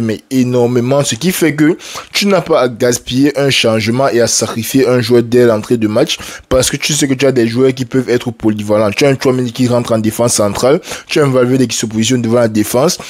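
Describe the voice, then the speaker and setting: A man with a mid-pitched voice talks through a football match in a loose, conversational monologue. He is a little sick and sometimes restarts his sentences as he thinks aloud. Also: a little fast, darkish tone. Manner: conversational, drops English words like "like", frequent restarts. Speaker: football analyst, video host. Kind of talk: casual match debrief monologue.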